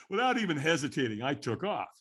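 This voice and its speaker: Husky, lively man telling a story. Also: on the high side. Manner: lively storyteller, acts out quoted voices, laughs often. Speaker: guest, firewalking instructor. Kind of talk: animated storytelling in a podcast interview.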